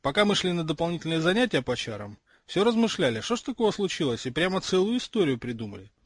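Figure: grumbling schoolboy, read by a man. Quality: husky. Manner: grumbling, curious. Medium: audiobook. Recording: dry. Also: on the high side, big pitch swings, fast, dry recording, voice pushed up.

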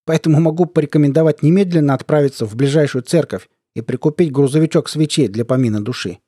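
A man puts on a cheeky, upbeat male clan fighter. He sounds brisk and cheerful, a touch higher than his usual voice, in a dry, close recording. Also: mellow, no echo, natural voice.

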